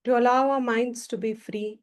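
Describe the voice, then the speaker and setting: Her voice slightly high, a woman guides listeners through meditation as their teacher. Each short instruction is calm and measured, followed by a long pause.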